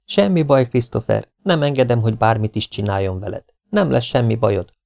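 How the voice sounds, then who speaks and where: A man voicing a distraught mother who shouts at her husband and protects her son. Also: medium pitch, expressive, creaky. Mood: soothing. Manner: shouting, soothing. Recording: dull lo-fi recording.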